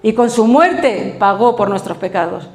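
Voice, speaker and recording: A middle-aged woman pastor with a Spain Spanish accent, preaching a sermon in an animated storytelling way, acting out quotes and laughing as she goes. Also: medium pitch, measured pace, echoey room.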